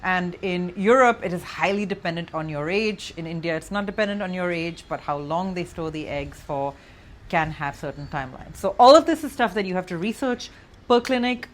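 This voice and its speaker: Woman, young adult, lowish pitch, earnest coaching tone, talks straight to camera. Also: fairly quick, slight background noise. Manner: earnest, coaching, addresses viewer directly. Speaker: matchmaker giving advice. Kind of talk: direct-to-camera advice vlog.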